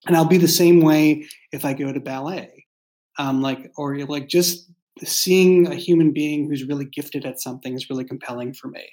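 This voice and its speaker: This man's voice sits on the high side with a darkish tone and moves at a normal speed. He is the writer and creator of an audio drama, chatting casually behind the scenes in a thoughtful, hesitant, rambling manner.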